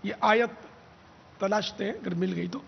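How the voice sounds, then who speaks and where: A man answering religious questions, explaining patiently and drilling pronunciation with slow, drawn-out repetitions. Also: high-pitched, gravelly, in a large hall. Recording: dull lo-fi broadcast audio with faint hiss.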